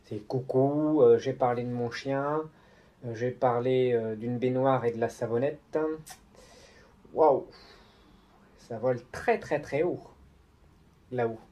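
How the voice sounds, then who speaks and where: A man's voice: medium pitch, steady tone, slow, pauses often, mellow, highs cut off. A man giving sarcastic, mocking commentary over a video. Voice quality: mocking, teasing. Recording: roomy, distant mic, faint music.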